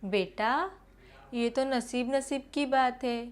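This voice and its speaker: A brazen older mother-in-law shrugs off a complaint in a plain, matter-of-fact way, voiced by a woman telling jokes. The voice sits high. It is everyday talk, not a big character voice. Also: slow pace. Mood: shameless.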